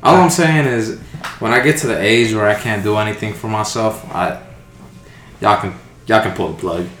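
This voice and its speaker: A man's voice: lowish voice, normal speed, fairly bright tone. A young man in a casual podcast chat, earnest and insistent, pressing his point. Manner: earnest, insistent, repeats "look" to hold the floor. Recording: echoey room with faint noise.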